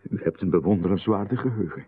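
A deep-voiced man with a Flemish accent talks fast as a polite, hesitant playwright in a 1990s radio drama, a character easily flustered and anxious to please who shows polite unease. The recording is dry, with a narrow, phone-like broadcast quality.

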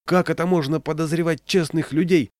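A man voicing an idealistic, hot-tempered father who shouts indignantly, recorded dry and close. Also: medium pitch, a little fast, no echo, close to an everyday voice.

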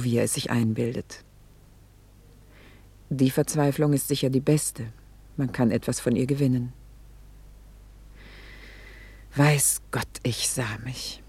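In an intimate radio play, a middle-aged wife, reflective and a little vain, confides her self-reproach with hesitant pauses that sink toward a whisper, sounding haunted. Her voice is deep, soft, dark and husky, exaggerated in delivery. The recording is dry and close.

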